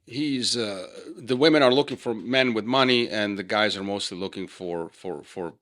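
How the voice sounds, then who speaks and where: A man from Serbia, co-hosting a casual podcast chat in an animated, emphatic way, often repeating words when worked up. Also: lowish voice, normal speed. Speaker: podcast co-host.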